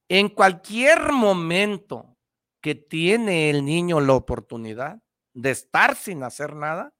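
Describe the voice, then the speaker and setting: A man hosts a motivational radio talk with a bright, forceful voice and a pitch that climbs and falls a lot. He talks slowly, repeating phrases and speaking straight to the listener. The sound is dry and close. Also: no room sound. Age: adult parent. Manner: preachy, repetitive, addresses the listener directly. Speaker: radio host giving motivational advice.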